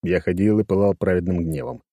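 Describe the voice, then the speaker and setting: A man's voice: low-pitched, fairly even intonation, a little fast, vocal fry, dark tone, no echo. A man reading a first-person audiobook in a casual, crude, wisecracking manner. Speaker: audiobook narrator.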